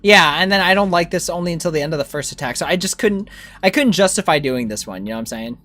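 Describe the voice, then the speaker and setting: A fast-talking game streamer with a medium-pitched voice chats over faint background music. Loose and informal, they voice their thoughts and respond with animated reactions to viewers.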